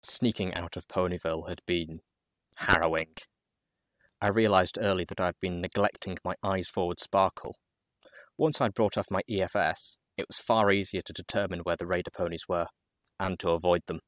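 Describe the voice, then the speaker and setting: A low-voiced man narrates his own story with dramatic, measured delivery and purposeful pauses between phrases. His intonation is fairly even and his tone fairly bright, captured in a dry recording with very little room sound.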